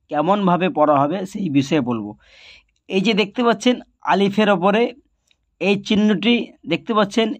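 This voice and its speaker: Slow, high-voiced male Quran teacher. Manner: slow, drawn-out recitation of letter sounds; patient, addresses viewers directly. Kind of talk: slow step-by-step lesson.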